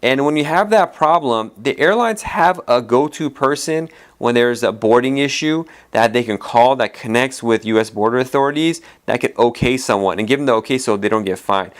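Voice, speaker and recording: A man's voice: medium pitch, moderate pace, few pauses. A man who is an immigration attorney, hosting a solo podcast in a casual, rambling way with many fillers and restarts, his voice tired from a long day of talking.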